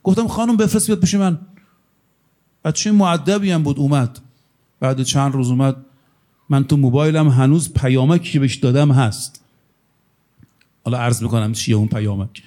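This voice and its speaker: A male cleric giving a sermon, telling stories with emphatic rises in pitch on his key points. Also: pauses often, warm tone. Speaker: cleric preacher.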